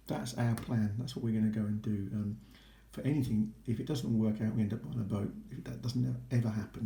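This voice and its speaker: A vlogger documenting a boating course gives a casual, informal and approving walkthrough. His voice is fairly low, creaky and warm, and the recording has a roomy echo with faint noise.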